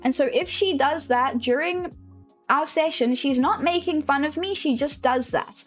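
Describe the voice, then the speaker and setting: A South African woman with a high voice and a South African English accent that leans slightly British chats casually on a game stream at a moderate pace. She rambles, corrects herself as she goes and laughs often, with faint music in the background.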